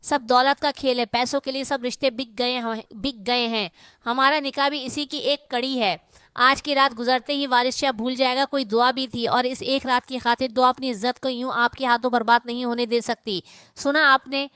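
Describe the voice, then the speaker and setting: A woman's voice: high-pitched, steady tone, fairly bright tone, smooth, dry recording. Woman voicing a defiant young bride. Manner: pleading yet stubborn.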